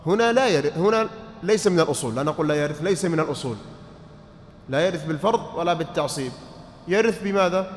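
A man's voice: a little high, expressive, fast. A man teaching a mosque lesson on inheritance law, quizzing his students, repeating points and checking that they follow. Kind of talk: mosque study-circle lesson. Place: large mosque hall. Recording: reverberant mosque hall, faint noise.

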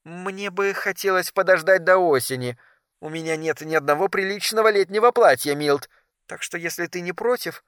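A man softly doing a careful, hesitant young woman in a storybook reading, her voice a little lifted and hushed, on a dry close recording with no room around it. she holds back and answers in short, guarded lines. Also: high-pitched, moderate pace, clear, resonant tone, no room sound. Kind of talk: audiobook character voice.

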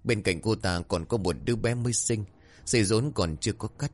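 A man narrating a horror story in a steady, measured way. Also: fairly low pitch. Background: soft music.

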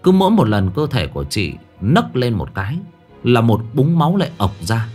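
A man's voice: medium pitch, sing-song, moderate pace, a little mellow. A man narrating a first-person horror story in a dramatic, tense way. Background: faint music.

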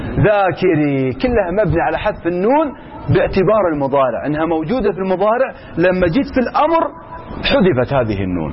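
Man teaching, high voice, slightly muffled recording, faint background hiss, questions to students. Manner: quizzes students and repeats examples slowly. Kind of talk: classroom lecture with questions to students.

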